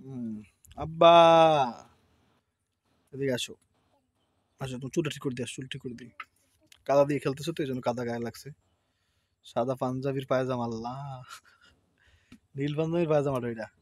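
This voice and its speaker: A man vlogging outdoors in a village, speaking quickly in an easy, chatty way. His voice is dry and close, sits at a middle pitch, and he keeps giving thanks to God between remarks. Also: no room sound. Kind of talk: casual vlog chat to camera.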